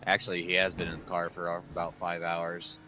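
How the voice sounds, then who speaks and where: A man's voice: low voice, monotone, a little fast, over music. A man in his thirties streaming sim racing from home, rambling casually to viewers with dry sarcasm and lots of fillers.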